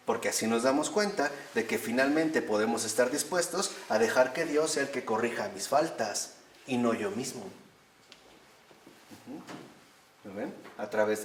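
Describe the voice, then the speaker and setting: A man's voice: medium pitch, slight background noise. A man gives an emphatic spiritual talk, asking his audience questions and answering them himself. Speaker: speaker giving a talk on recovery steps and meditation. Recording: echoey room, from far off.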